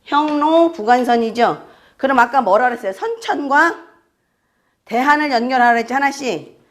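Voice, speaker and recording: A woman's voice: high voice, expressive. A woman teaching an astrology class, explaining step by step, repeating key terms and often checking whether her students follow. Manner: keeps checking students with quick questions. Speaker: fortune-telling astrology teacher. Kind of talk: classroom lecture.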